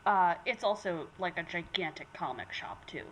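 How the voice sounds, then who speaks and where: A woman's voice: fairly low pitch, animated, moderate pace, a bit bright, slight background noise, rough recording. Giggly, chatty woman podcast guest. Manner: chatty, giggly, trails off with fillers. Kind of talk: casual chat.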